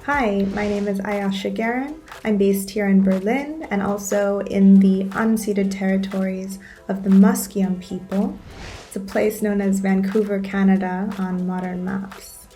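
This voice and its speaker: A woman's voice: medium pitch, steady tone, measured pace. A woman giving a short, friendly self-introduction. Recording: soft music behind.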